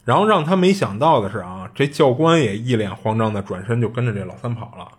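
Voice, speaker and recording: Podcast host, male, husky voice, rapid conversational storytelling. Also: mid-range voice. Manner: chatty, animated retelling with frequent fillers. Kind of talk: casual storytelling.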